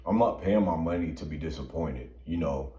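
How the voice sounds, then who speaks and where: Deep-voiced man in casual talk. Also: moderate pace, dark tone, echoey room. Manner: earnest, emphatic opinions with many fillers. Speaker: podcast co-host. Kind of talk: casual chat.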